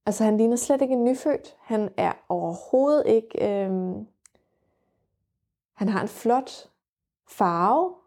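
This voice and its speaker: Candid young woman with a mellow voice. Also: on the high side, lively intonation, long pauses. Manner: vivid, frank and reflective, with frequent fillers. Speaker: mother telling her birth story. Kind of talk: candid personal storytelling.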